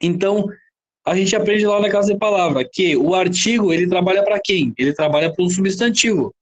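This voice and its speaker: A Brazilian man with a notably high-pitched voice gives a classroom-style grammar lecture. He keeps asking rhetorical questions and checking in with his students as he explains each rule. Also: a little fast. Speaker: Portuguese teacher.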